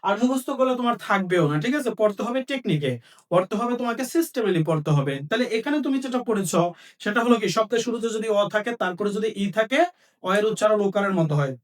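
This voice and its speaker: A male teacher with a high voice runs an exam-prep grammar lesson. He asks his students a question, then answers it himself, and repeats the key points. He sounds a little distant from the microphone. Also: animated, fast.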